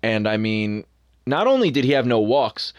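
A young man co-hosting a podcast in a casual sports chat, opinionated and animated. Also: mid-range voice, clean tone, dry recording, lo-fi sound. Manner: opinionated, animated, quick asides. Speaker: podcast co-host.

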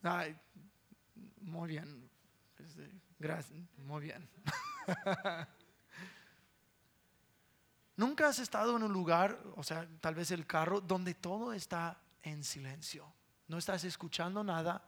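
A man's voice: sits high, fairly bright tone. A man in his thirties preaching a sermon, telling a conversational story with repeated words and playful sound imitations.

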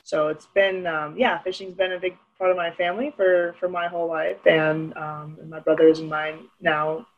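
A woman raised in Alaska, answering interview questions earnestly and often pausing with ums and restarts. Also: sits low, little pitch movement, narrow, tinny audio, a little hiss or hum.

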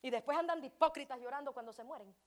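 A woman preaching a fervent sermon at a church service. She swings from shouting to hushed pleading and breaks into speaking in tongues. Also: high-pitched, very fast. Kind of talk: Pentecostal sermon.

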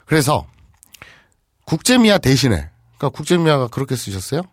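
A man's voice: medium pitch, sing-song, brisk, husky, dry recording. A man in his thirties hosting a casual comedic chat in a studio, teasing and playful. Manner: teasing, playful, acts out quoted lines. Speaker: podcast host.

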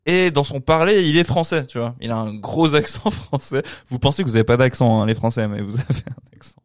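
A man's voice: medium pitch, fairly quick, no echo, studio quality. A young Swiss man with a Swiss French accent, hosting a casual podcast chat and joking a lot, recorded in a hotel room. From Switzerland. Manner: joking, chatty, laughs often. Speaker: podcast host.

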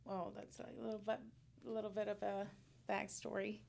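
Gravelly-voiced woman from Puerto Rico. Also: mid-range voice, level tone, a little mellow. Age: 30s. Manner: halting, laughs often. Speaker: guest. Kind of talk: casual interview.

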